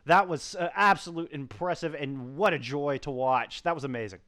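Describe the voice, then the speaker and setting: A man casting an esports match, bubbling with hype as he breaks down the plays. His voice sits high and bright in pitch for a man. He talks in quick, excited bursts. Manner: excitable, hyped, shouts of praise. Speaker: esports co-caster. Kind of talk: esports post-match commentary.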